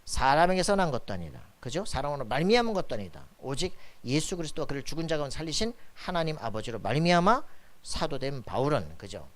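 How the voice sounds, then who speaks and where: A pastor preaching a sermon, firing questions at the congregation and pressing for their answers. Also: male voice, on the high side, very animated, fast. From Korea. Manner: call-and-response questions to the congregation, emphatic. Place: church sanctuary.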